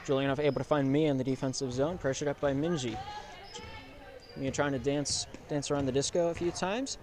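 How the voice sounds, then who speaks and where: A young man calls a basketball game play by play, rattling off passes and shots in quick succession. His voice jumps up loud and excited whenever a basket drops. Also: medium pitch. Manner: rapid play calling, bursts of loud excitement on scores. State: out of breath. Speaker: play-by-play commentator. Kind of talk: live basketball play-by-play commentary.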